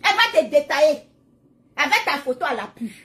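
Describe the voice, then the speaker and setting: A woman's voice: high-pitched, sing-song, fairly quick, a bit bright. A woman talking to her followers in a live video, emphatic and repetitive, drifting into prayerful preaching. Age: adult, mother of children. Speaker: social media livestreamer. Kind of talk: casual live video monologue.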